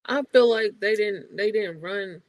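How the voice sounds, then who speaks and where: A man's voice: high voice, a little slow, no echo, rough recording. A man co-hosting a podcast, chatting casually in a laid-back, slangy way. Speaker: podcast co-host.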